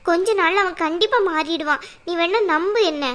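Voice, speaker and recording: A woman's voice: very high-pitched, moderate pace, a bit bright. Stern kindly cartoon mother-in-law, as a woman puts her on. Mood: soothing. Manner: firm scolding, soothing. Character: kind stern mother-in-law, protective and scolding. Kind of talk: cartoon voice acting.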